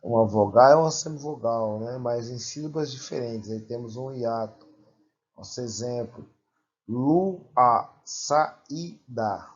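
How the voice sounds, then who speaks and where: A male teacher giving a grammar lesson, repeating and drawing out example words slowly and deliberately. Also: medium pitch, lo-fi sound.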